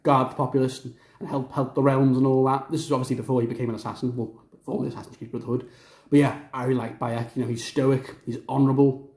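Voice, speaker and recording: A man's voice: mid-range voice, a little mellow. A man hosting a gaming ranking video, talking enthusiastically and rambling with many fillers and restarts. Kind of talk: casual ranking commentary. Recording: roomy echo.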